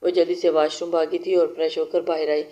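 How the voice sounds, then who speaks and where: A narrator reading a romance novel aloud in a steady storytelling style, with occasional restarts. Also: mid-range voice, fairly quick, lo-fi sound.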